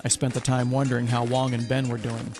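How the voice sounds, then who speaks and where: A man and podcast host reading a first-person adventure story in a steady, measured storytelling way. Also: mid-range voice, over music.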